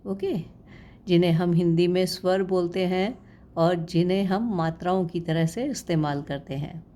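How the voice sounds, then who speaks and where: A woman teaching a lesson, explaining patiently, repeating sounds slowly and putting questions to the viewer. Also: fairly low pitch, warm tone.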